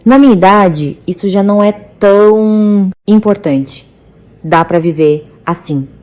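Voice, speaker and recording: A woman voicing a gentle, self-effacing elderly mother, speaking low and quiet in a narrated story. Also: slow pace, lightly acted.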